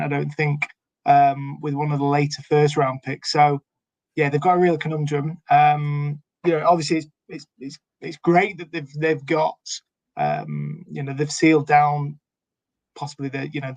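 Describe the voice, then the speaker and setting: A man's voice: on the high side, moderate pace, no echo. A man co-hosting a casual sports podcast chat, hesitant with many fillers and restarts. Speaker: podcast co-host.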